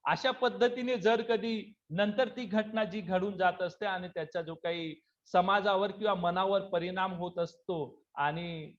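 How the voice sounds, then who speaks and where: A man's voice: high voice, fairly even intonation, unhurried, a bit bright, dull audio. A man giving an earnest spoken lecture as a teacher, hesitating often as he talks. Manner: earnest, addresses listeners as friends, frequent hesitations.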